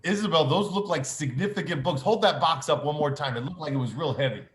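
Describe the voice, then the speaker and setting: A man's voice: fairly high pitch, fast talker. A man giving upbeat school intercom morning announcements as principal, encouraging, with frequent "uh" fillers. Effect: school intercom announcement sound. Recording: echoey room with faint noise.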